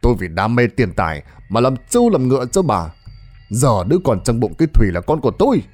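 A young man speaks bluntly and gruffly, voiced by a male storyteller. He sits a little lower than the narrating voice. Plain and rough. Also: sing-song, fast talker, soft background music. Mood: angry.

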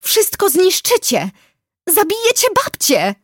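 A woman voicing a defiant sixteen-year-old witch girl who shouts in a high, shrill, slow and emphatic voice. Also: wildly swooping pitch, no room sound, clean studio sound, heavily acted. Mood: furious shouting.

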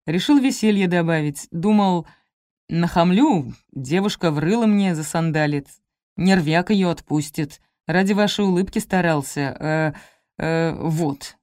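A woman's voice: on the low side, measured pace, darkish tone, no room sound, studio quality, lightly acted. A woman voicing a clumsy male shop security guard who mumbles and hesitates, reading a storybook. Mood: awkward apologetic. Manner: mumbling, hesitant, full of filler sounds.

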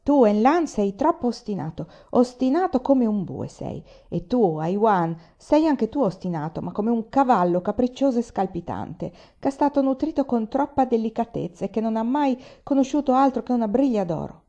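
A woman reading the lines of a wise woman who gently scolds two stubborn men, patient and proverb-like. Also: fairly high pitch, lively intonation, moderate pace, hardly any pauses, lo-fi sound, pitched above the performer's own voice. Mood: chiding.

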